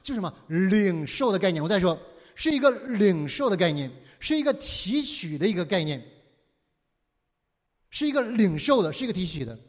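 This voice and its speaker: High, lively-voiced man preaching in a hall. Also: moderate pace. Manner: preaching with constant rhetorical questions for the audience to answer; acts out whining, pleading prayers in a mocking voice. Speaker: pastor. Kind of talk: sermon.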